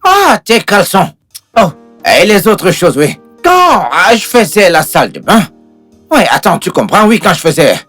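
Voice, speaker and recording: A woman's voice: medium pitch, very animated, normal speed, fairly bright tone, soft background music. A woman playing a brash, stubborn, bumbling village helper in a dubbed film drama, rambling and insistent with many interjections. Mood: flustered, unbothered.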